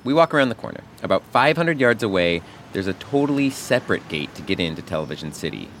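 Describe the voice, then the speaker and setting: A man's voice: lowish voice, very animated, fast, a bit bright, slight background noise. A man co-hosting a radio show, narrating in a conversational, scripted way. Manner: conversational storytelling.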